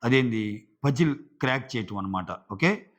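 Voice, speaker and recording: A man's voice: medium pitch, expressive, a little slow, fairly bright tone. A man giving a casual, chatty recap of a reality show episode, full of fillers. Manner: chatty, filler-heavy retelling. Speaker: show reviewer.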